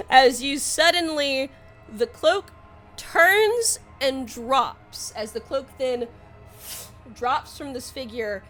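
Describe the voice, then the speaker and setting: A woman's voice: high-pitched, takes it slowly, music in the background. A young woman running a tabletop role-playing game as game master, narrating dramatically and laughing often.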